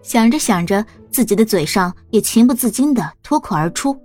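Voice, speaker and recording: A woman reads a storybook aloud, her voice steady and calm at a middle pitch. She keeps an even, unhurried narrating tone throughout. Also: faint music behind. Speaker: audiobook narrator.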